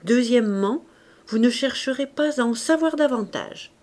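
A woman reading aloud, voicing a serious middle-aged man in a lower, measured tone. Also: animated, darkish tone, natural voice. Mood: grave.

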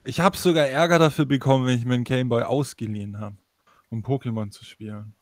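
A man from Germany in a casual podcast chat, joking with deadpan irony. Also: mid-range voice, fast talker, crowd noise. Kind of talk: casual panel discussion.

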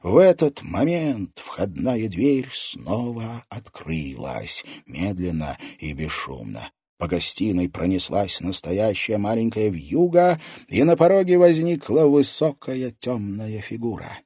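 A man with a low, husky voice narrates a fantasy novel. His delivery swings widely in pitch as he drives the action. The recording is dry and close. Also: big pitch swings, unhurried, mellow, dry recording. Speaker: audiobook narrator. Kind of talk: scripted narration.

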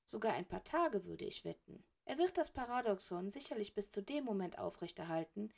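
A woman's voice: mid-range voice, big pitch swings, brisk, creaky. A woman reading as a cheerful, unflappable elderly male headmaster wizard in a storybook, her voice raised and soothing. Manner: bright, soothing, jovial. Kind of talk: audiobook character reading.

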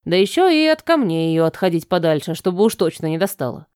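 A woman narrating a fantasy audiobook in an even, measured storytelling manner. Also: lowish voice, clean tone, no echo, clean studio sound.

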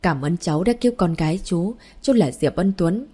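A woman reading the lines of a calm, devoted young husband and father in an audiobook, with a gentle, reassuring manner. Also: sits high, moderate pace, breathy edge.

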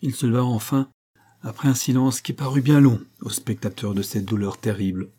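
A man narrating a classic novel as an audiobook, in a measured, dramatic reading. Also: mid-range voice, dark tone, husky.

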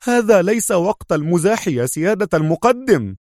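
A man's voice: high voice, fairly quick, no echo, clean studio sound, pitched above the performer's own voice. A man voicing a frantic young male spy. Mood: agitated, pleading. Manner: excited, pleading outbursts. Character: young male intelligence officer, anxious and stubborn.

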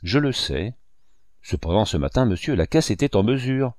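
A man's voice: on the low side, very animated, moderate pace, darkish tone, no room sound, clean studio sound. A man reading the lines of a desperate older male banker in an audiobook, pleading and outraged. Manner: agitated, imploring.

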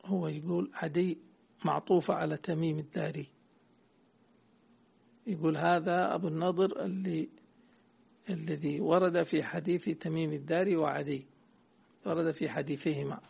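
Sheikh teaching class, gravelly husky voice, stops to quiz the student. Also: male voice, fairly high pitch, steady tone, normal speed, pauses often. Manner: quizzes the student, corrects readings, explains patiently. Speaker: teacher of hadith sciences. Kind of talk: classroom text commentary.

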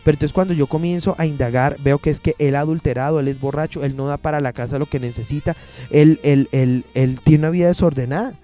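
A man's voice: fairly high pitch, steady tone, quick pace, warm tone, soft background music. A man preaching a sermon as pastor, emphatic and repeating his phrases, acting out the people he quotes.

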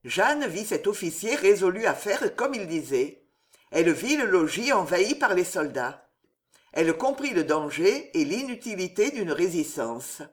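A woman narrating a historical novel aloud in a measured, expressive storytelling manner. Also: fairly low pitch. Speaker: audiobook narrator.

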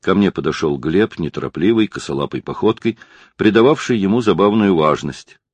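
Male audiobook narrator, deep husky voice, very expressive intonation, dry close recording. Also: a little fast, no room sound, highs cut off. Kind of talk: first-person memoir reading.

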